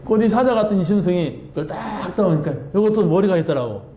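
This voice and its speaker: A man preaching a sermon as pastor, telling a story with animated, laughing delivery. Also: high voice, fast talker, echoey room, dull audio, a little hiss or hum. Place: church sanctuary.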